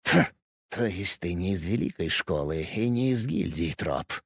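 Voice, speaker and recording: A man reads a proud leader of a martial school in a fantasy audiobook, stern and unyielding. His voice is husky with lively pitch. The recording is dry and close. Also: a little slow, no room sound.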